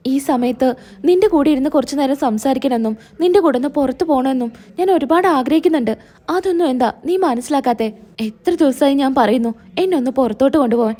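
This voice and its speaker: A wounded young wife, read by a woman, pleading and reproachful, high and mellow. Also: quick pace, natural voice.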